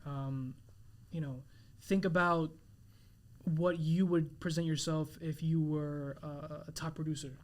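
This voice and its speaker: A man's voice: a little high, steady tone, measured pace. A young man in his twenties, a realtor guest on a podcast, talking earnestly with many restarts. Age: 20s. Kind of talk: casual interview chat.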